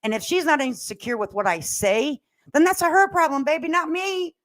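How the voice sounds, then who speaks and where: With a high-pitched, fairly bright voice at normal speed, an older livestream host keeps up casual commentary and reads comments from viewers. Her talk is plain-spoken, sassy and full of folksy slang, captured on a standalone laptop mic.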